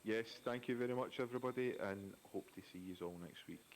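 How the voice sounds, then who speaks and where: Male co-host, low voice, loose banter, easily amused. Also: fast. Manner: excitable, jokey banter. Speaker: co-host of a live drawing stream. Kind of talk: casual chat.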